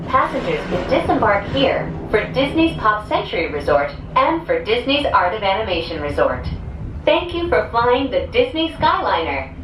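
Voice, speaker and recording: A woman's recorded announcement played over a gondola cabin loudspeaker, polished, measured and welcoming. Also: mid-range voice. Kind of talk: scripted public announcement. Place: inside a moving gondola cabin. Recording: echoey, distant loudspeaker with ride noise.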